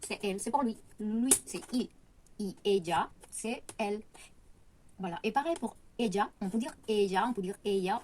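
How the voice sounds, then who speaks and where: A woman gives a relaxed online language lesson, pausing often and correcting herself as she goes. Her pitch sits in an ordinary middle range. A faint hiss of noise stays under her voice. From Latin America. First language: Spanish. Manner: hesitant, many fillers and self-corrections. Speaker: language teacher.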